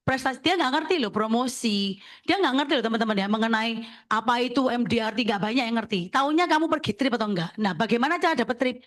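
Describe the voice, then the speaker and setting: A woman speaking quickly in a somewhat high voice. She coaches like an insurance team leader, giving step-by-step tips and tossing back checks to her listeners. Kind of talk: sharing tips at a talk session.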